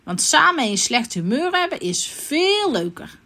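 A woman reading a children's story aloud. Her telling is playful and expressive. Her voice sits a little high and moves up and down in pitch a great deal. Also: a little slow.

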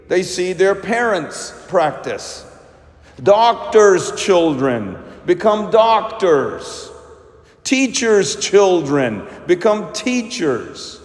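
Slow-speaking priest in a cathedral echo. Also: male voice, high voice. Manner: deliberate, measured preaching with pauses. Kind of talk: Gospel reading and homily. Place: large reverberant church. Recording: echoing church, long cathedral-like reverb.

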